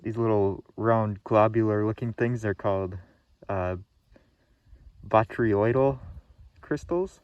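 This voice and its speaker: The young man behind this rock-hunting vlog speaks slowly and smoothly in a fairly low, steady voice, pausing often as he casually narrates in plain terms. He records on a phone at arm's length outdoors in a yard and rock field or in a parked van; the audio is dull with no echo.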